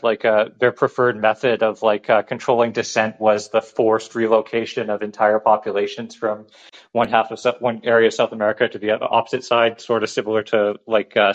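A man calling in to a show, rambling casually with many restarts and fillers. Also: fairly low pitch. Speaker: caller. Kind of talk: casual call-in chat. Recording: dull lo-fi call line.

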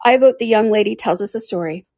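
A woman's voice: mid-range voice, fast talker, darkish tone, dry recording, studio quality, pitched above the performer's own voice, close to an everyday voice. A woman voicing a bored, bossy, interrupting hare in a storybook.

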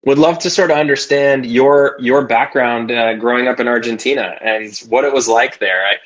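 A man's voice: mid-range voice, normal speed, fairly bright tone, muffled recording. A man hosting a podcast, asking casual questions, eager and encouraging, with fillers. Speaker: podcast host.

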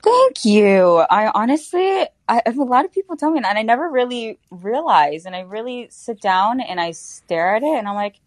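In a clean studio recording with no echo, a young Floridian podcast guest chats in a fairly high, animated voice. She's bubbly and talkative, dropping "like" often and tossing in quick asides.

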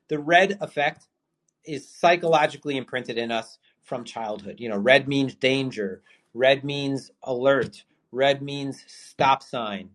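A podcast host with a mid-range voice runs a live call-in show about trading in a casual way. He rambles, using lots of fillers and restarts, swears casually, and has the hiccups.

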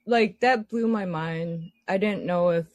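Lowish woman ranting slow n sweary, toothless lisp on the s's, casual chat, really dry sound. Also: no room sound. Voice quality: lisping, slurred S sounds from missing teeth. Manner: sweary, exasperated rambling.

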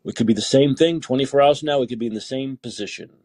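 A man hosting a call-in podcast, talking in a relaxed, rambling way. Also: mid-range voice, fast talker, no room sound. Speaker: podcast host. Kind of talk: call-in talk show.

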